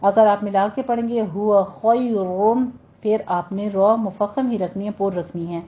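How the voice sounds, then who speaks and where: A woman's voice: medium pitch, highs cut off. Patient woman teaching recitation. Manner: patient, repeats each word slowly and corrects common mistakes. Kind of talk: recitation lesson, modelling sounds slowly.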